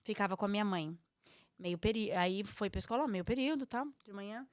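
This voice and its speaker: A woman's voice: medium pitch, no room sound, studio quality. A woman in her forties hosting an interview, reacting supportively and sharing a story about her own daughter. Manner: supportive, quick reassuring interjections. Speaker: host. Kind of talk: casual interview chat.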